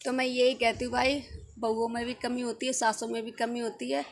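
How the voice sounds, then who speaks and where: A woman's voice: on the high side, little pitch movement, a little fast, gravelly. A young adult woman vlogger talking frankly and casually to her viewers, opinionated and chatty. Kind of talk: casual vlog talk to viewers.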